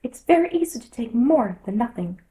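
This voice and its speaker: A woman's voice: fairly high pitch, big pitch swings, fairly quick, mellow, voice pushed up. A woman voicing a rude, pushy, self-satisfied man in a storybook reading. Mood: triumphant. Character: bossy, rude, triumphant male Hatter.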